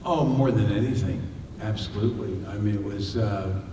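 An older man speaking on a panel in a large library hall, his voice lowish and halting with fillers. He sits away from the table mic, so the sound is roomy with a long tail and steady background noise. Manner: halting, many fillers and restarts. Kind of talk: panel discussion answers. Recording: echoey hall, distant mic, noisy.

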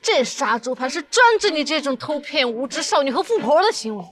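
A woman's voice: high voice, very animated, fairly quick. An actress in her twenties playing a bashful but teasing young newlywed wife in a romantic comedy drama. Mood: wry, flustered. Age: 20s.

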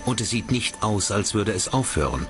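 A man narrating a documentary in a measured, dramatic way. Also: lowish voice, expressive, music in the background.

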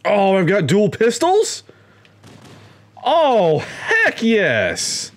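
A young man narrating his video game run in a slightly higher voice that swoops up and down a lot. He talks at an unhurried pace, with playful, mock-dramatic outbursts. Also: huge pitch swings. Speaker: let's play gamer. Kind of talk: casual gameplay commentary.

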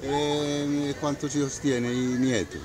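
A man's voice: fairly high pitch, level tone, takes it slowly. A man with a Colombian accent asking simple interview questions in a casual way, often using affectionate diminutives. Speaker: interviewer behind the camera. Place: outdoors on a dirt path in a hillside neighborhood.

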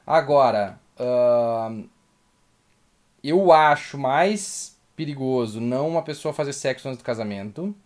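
A man with a southern Brazilian accent co-hosts a webcam livestream from a small room at home, chatting casually with blunt, colloquial commentary. His voice is mid-range and unhurried.

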